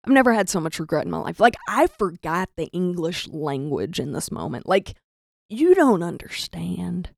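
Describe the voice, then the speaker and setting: A woman's voice: fairly low pitch, sing-song, moderate pace, vocal fry, no echo, clean studio sound. A young woman, telling a comic story in a self-deprecating way and acting out the voices of the people in it. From rural American South. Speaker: comedian storyteller. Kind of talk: comedic storytelling.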